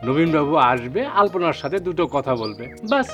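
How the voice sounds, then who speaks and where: A man's voice: fairly high pitch, expressive, brisk, a bit bright, muffled recording, soft background music. An actor playing a cheerful, persuasive male family friend in a TV serial. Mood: jovial. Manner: chuckling, easygoing. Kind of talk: TV serial acting.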